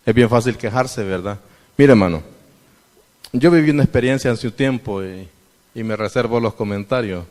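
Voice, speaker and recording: A man's voice: medium pitch, a little mellow, big-room sound. A man giving a sermon to a church congregation, asking them questions and reading scripture aloud. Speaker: church member addressing the congregation.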